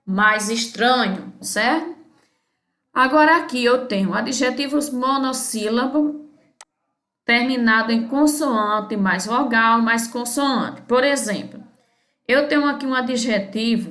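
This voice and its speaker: A woman's voice: a little high, pushed and bright. A woman teacher from Brazil explaining a grammar lesson step by step, often checking in with her students. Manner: patient, repeats "certo?" after each step. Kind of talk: recorded English grammar lesson. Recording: echoey room.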